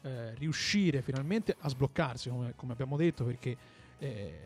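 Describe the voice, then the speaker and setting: A man's voice: medium pitch, normal speed, a little mellow, soft background music. A man co-hosting a football discussion, analysing conversationally and often searching for words and repeating himself. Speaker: football pundit and co-host. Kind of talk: conversational match commentary and analysis.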